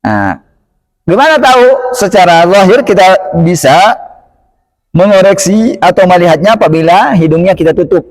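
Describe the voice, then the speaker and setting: A man teaching Quran recitation rules, slowly modelling each word several times and asking the listeners quick questions. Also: sits high, big pitch swings. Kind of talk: tajwid lesson.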